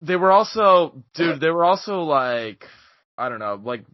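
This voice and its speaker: A man's voice: fairly high pitch, lively intonation, a little slow, dull audio. A young man co-hosting a podcast, joking sarcastically in casual banter. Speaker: podcast co-host. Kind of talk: casual chat.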